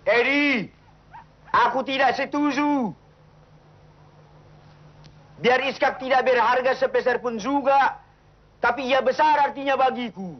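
Defiant town elder: very high, emphatic voice, comedy Western, muffled and noisy old soundtrack. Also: male voice, a little slow, pauses often. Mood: indignant, defiant. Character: principled, indignant, defiant male town elder. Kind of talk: 1970s comedy Western film acting.

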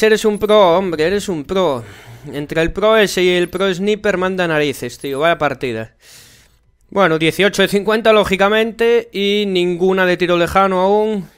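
A man's voice: sits high, a bit bright, clean tone. A young man with a Spanish accent from Spain, commenting on his own gameplay in a frustrated, sarcastic way and swearing a lot. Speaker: gaming channel host. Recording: game noise and gunfire behind.

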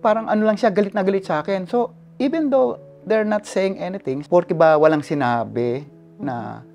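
A male photojournalist giving an animated personal account in an interview, switching between languages and often adding "no?" tags. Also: sits high, moderate pace, gravelly, dull audio, soft background music. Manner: animated retelling, code-switching, frequent "no?" tags.

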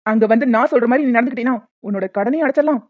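A woman's voice: on the high side, very fast, no echo, lightly acted. A woman voicing a menacing, crude male loan shark in a cartoon, talking in a bullying, threatening way. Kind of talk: cartoon voice dubbing. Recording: tinny phone-like, dry.

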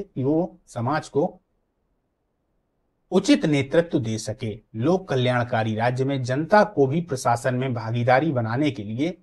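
A man's voice: mid-range voice, darkish tone. A man teaching an exam coaching class. He explains points through worked examples, stresses key words and checks in with his students.

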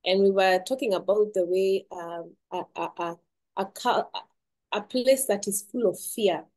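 A woman hosts an online webinar, her voice warm and mellow. She speaks steadily but leans on ums and repeats her words as she goes. The sound comes through a computer mic on a video call. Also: medium pitch, unhurried, low-quality recording. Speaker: webinar host.

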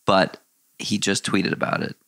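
A woman's voice: a little slow, a bit bright. A woman hosting a podcast, chatting casually and laughing often as she tells stories. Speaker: podcast host. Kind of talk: casual interview chat.

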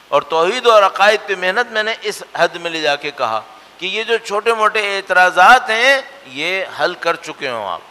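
An earnest man delivering a religious lecture. His voice sits fairly high and bright, and it rings with a long reverb in a lecture hall. He pushes with rhetorical questions and then drops to hushed, soft lines.

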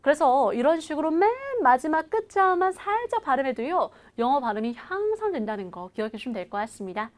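A woman teaching an online English lesson, coaching viewers to repeat after her and slowing right down to model each phrase. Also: sits high, big pitch swings.

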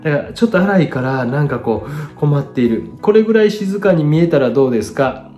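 A middle-aged man with a Kansai accent, chattily critiquing viewers' artworks as a painter, his pitch swinging lively between phrases. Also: brisk, dull audio, faint music behind. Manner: chatty, lively swings in pitch and loudness, self-deprecating asides. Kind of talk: online art critique.

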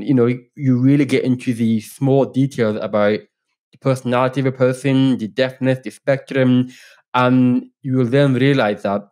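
On a podcast, a man in his thirties from Northern Ireland speaks with a medium-pitched, darkish voice and an accent mixing Northern Irish, Scottish and English. He's earnest and open, often restarting his sentences in this casual interview. He's recorded at home among bookshelves on a boom-arm studio microphone, wearing headphones.

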